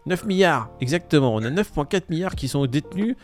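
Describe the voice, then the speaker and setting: A man's voice: a little high, quick pace. Young male host, easygoing and jokey, runs the news rundown; faint music under him. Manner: jokey, relaxed, leads the rundown. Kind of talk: casual crypto news chat.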